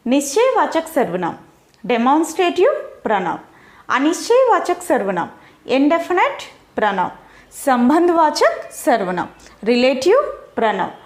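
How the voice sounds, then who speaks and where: Woman teacher, high voice, goes over each grammar term slowly. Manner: explains slowly, repeats terms in several languages. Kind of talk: grammar lesson.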